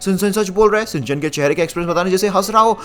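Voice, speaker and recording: A man's voice: sits high, very fast, soft background music. A young man giving dramatic gameplay commentary, gasping theatrically and constantly talking to viewers. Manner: excitable, theatrical gasps, constantly addressing viewers. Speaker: gaming YouTuber narrating as player character.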